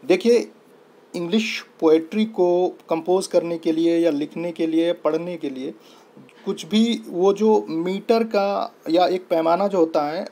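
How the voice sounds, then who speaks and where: Speaking slowly in a high voice with a dark tone, a young Indian-accented man explains a lesson in Hindi-English mix. His teaching is patient and repetitive, with words spelled out letter by letter.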